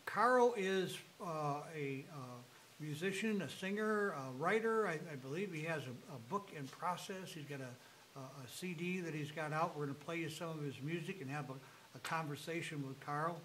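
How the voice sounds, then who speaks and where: A male host of a talk show who speaks in a friendly, rambling and halting way while interviewing a guest. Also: fairly high pitch, fairly bright tone, slight background noise, rough recording.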